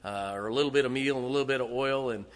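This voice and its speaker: Emphatic preacher in a reverberant hall. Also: male voice, medium pitch, rapid-fire. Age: 40s. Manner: emphatic, swinging loudness, rhetorical questions to the congregation. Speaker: pastor. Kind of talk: sermon. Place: church sanctuary.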